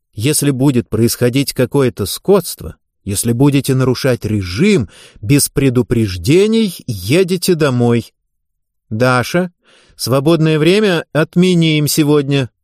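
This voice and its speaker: A man reading the part of an imposing woman head coach who speaks with slow, icy authority. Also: medium pitch, animated, darkish tone, dry recording, studio quality. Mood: cold.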